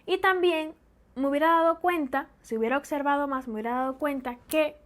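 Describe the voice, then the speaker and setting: High-voiced Cuban woman vlogging. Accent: Cuban Spanish. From Cuba. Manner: animated, laughs often, acts out loud fast speech. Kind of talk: casual vlog monologue.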